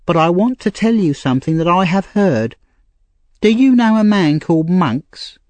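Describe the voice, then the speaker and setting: In a storybook reading, a man voices a frightened, tearful young woman thief, pleading urgently in a high-strung way. His delivery is animated at normal speed, with a darkish tone and a dry recording.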